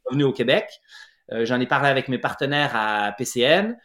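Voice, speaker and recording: A middle-aged man with a Quebec French accent tells his story as an interview guest. His voice sits at a mid pitch, and he hesitates often, restarting phrases and filling pauses. The room around him sounds roomy and echoey. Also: expressive, a bit bright. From Quebec, Lac-Saint-Jean. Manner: hesitant, many fillers and restarts. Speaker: guest, running clinic founder.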